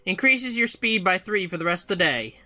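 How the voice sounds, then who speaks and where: Bright, animated man hosting a let's-play. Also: high-pitched, fairly quick. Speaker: host of a gaming show. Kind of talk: casual let's-play chat and reading game text aloud.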